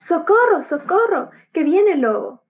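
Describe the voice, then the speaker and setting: A woman reading a storybook voices a mischievous young shepherd boy who shouts for help in a raised, high voice. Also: expressive, moderate pace, highs cut off. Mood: mock alarm.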